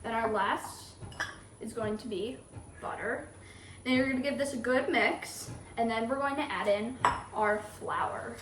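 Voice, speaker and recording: A woman's voice: on the high side, measured pace, distant mic. A woman presenting a cooking show, talking through a recipe step by step in a kitchen. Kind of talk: cooking demonstration. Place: indoor kitchen. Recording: echoey kitchen, off-mic, faint noise.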